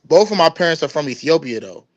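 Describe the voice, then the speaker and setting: Slangy casual man, slightly high voice. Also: big pitch swings, fast talker, dull audio. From Washington, D.C. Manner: loose, slangy, laughs often. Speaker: podcast host. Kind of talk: casual chat.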